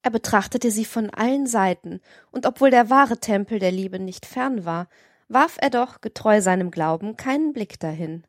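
A woman narrates an audiobook in a steady, measured reading. Her pitch sits in the middle and the recording is dry, with no room sound. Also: no echo. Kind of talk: scripted narration.

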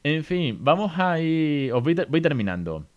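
A man with an accent from Spain hosting a casual podcast lesson for parents, chatty and animated, often tagging his sentences with little questions. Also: a little high, moderate pace, dull audio. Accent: Spain Spanish. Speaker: podcast host teaching English to parents.

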